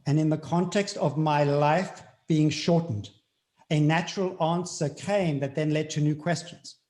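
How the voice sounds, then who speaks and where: A middle-aged man with a South African accent, speaking earnestly and deliberately in an interview, repeating key phrases for emphasis. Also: fairly high pitch, steady tone, darkish tone. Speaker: guest speaker. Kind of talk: reflective interview talk.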